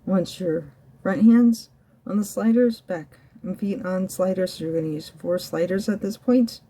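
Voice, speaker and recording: A woman's voice: fairly low pitch, normal speed, warm tone. A woman working as a fitness instructor, coaching a home ab workout while demonstrating the floor exercises herself. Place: indoors at home.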